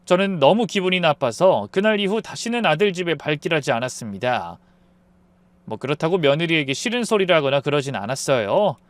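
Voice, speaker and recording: A man narrating a scripted first-person story in a calm, rueful, measured way. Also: a little high, dry recording.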